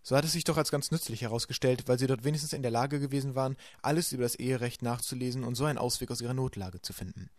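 A man reading a children's novel aloud as a homemade audiobook, in brisk, even storytelling. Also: mid-range voice, no echo, clean studio sound. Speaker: audiobook narrator.

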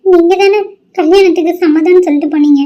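A woman's voice: very high voice, fairly even intonation, quick pace. A woman voicing an upset young college student in a cartoon, pleading and protesting. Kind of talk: cartoon voice acting. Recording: dull lo-fi audio.

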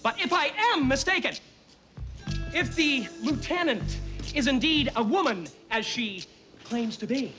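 A man's voice: very high voice, expressive, measured pace. A man playing a smug, flamboyant film detective, speaking like a pompous senator in mock-formal, theatrical oratory over a film soundtrack. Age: 30s. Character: flamboyant wisecracking male detective, smug and showboating. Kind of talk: theatrical comedic film acting. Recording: film soundtrack with music underneath.

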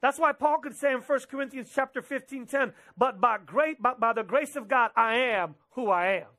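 High, bright-voiced young pastor preaching. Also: male voice. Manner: animated, gesturing preacher with quick quoted asides. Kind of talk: sermon. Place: church stage with drum kit behind, indoors.

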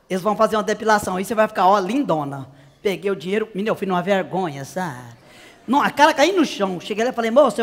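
A man's voice: very high-pitched, a bit bright, big-room sound, full character voice. A man playing a brash, naive country woman from the interior, telling a comic story in character. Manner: chatty, exaggerated, squealing cries. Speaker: comedian.

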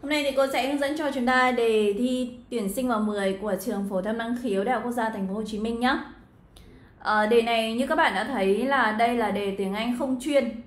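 A woman's voice: on the high side, fairly quick, reverberant. A woman from Vietnam, an English teacher, chatting her way through an exam walkthrough and talking straight to her students. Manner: chatty, addresses students directly, frequent fillers.

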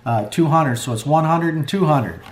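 In an echoey workshop, a middle-aged snowmobile clutch mechanic walks through a clutch rebuild at his garage workbench, speaking plainly with plenty of fillers. The hands-on tutorial features his fairly high, expressive voice at a normal speed.

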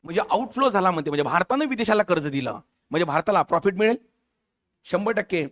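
A man's voice: high-pitched, expressive, quick pace, a bit bright. A male teacher giving a lecture for competitive exams, firing questions at his students and mixing English terms into his talk.

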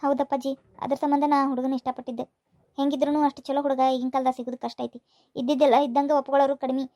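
Earnest young daughter, voiced by a woman: high, quick, North Karnataka accent, reassuring. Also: little pitch movement, dark tone, no room sound, lightly acted. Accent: North Karnataka Kannada. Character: dutiful grown daughter, earnest and soothing.

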